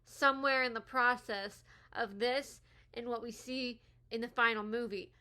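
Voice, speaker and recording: Hosting a movie commentary video, this woman speaks at a moderate pace in a slightly high voice. Her reactions are animated and slangy, with "like" dropped in often, and her words come out a bit off because she's wearing a retainer.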